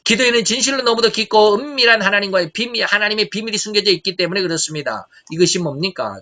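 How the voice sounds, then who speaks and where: A middle-aged man preaching a sermon, asking rhetorical questions and swinging between loud and soft. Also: on the high side. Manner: emphatic preaching, rhetorical questions, shifting loudness. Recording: dull lo-fi recording.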